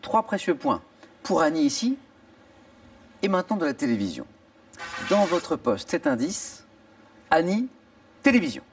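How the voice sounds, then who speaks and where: On the high side, a little slow, and pausing often, a man's voice hosts a television quiz show in a studio. He is animated and theatrical, exclaiming as he reads clues and encourages contestants. The recording comes from a distance, over theme music and audience noise.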